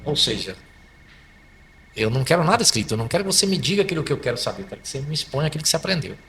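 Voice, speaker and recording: Brazilian male psychologist guest, bright forceful voice, animated and repetitive delivery. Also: fairly high pitch, very fast, creaky. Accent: Brazilian Portuguese. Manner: animated, repeats and restarts words. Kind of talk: conversational explanation. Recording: faint background noise.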